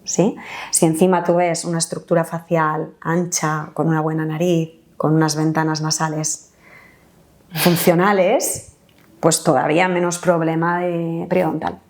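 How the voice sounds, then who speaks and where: Lowish-voiced woman dentist explaining. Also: little pitch movement, unhurried, darkish tone. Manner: explanatory, many fillers and tag questions. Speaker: holistic dentist, guest. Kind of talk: conversational interview explanation.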